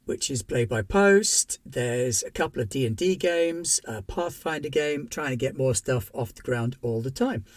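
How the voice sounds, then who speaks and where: Closing out his tabletop game stream, the channel's host and game master jokes about next week's games in casual, bouncy, playful chat. He has a mid-range voice, recorded with no echo.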